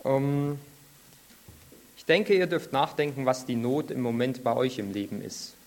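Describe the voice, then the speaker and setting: A man in a church hall delivering a sermon. He speaks earnestly, in a middle-pitched voice, and draws out the scripture lines slowly and with more force. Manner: earnest, slows and lifts his voice for scripture. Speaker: preacher. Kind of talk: sermon with prayer reading.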